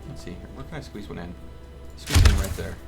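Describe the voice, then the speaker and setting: Loud music sits behind a deep, animated male voice going fairly quickly. He's a game streamer doing live commentary, talking to his chat and muttering to himself mid-play.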